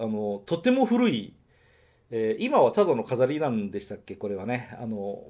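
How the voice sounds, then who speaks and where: A man from Nagoya talks through a film review on his podcast in a loose, casual monologue. His pitch rises and falls freely, and he drifts off on tangents and corrects himself mid-sentence. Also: mellow. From Nagoya, Japan. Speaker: podcast host reviewing films.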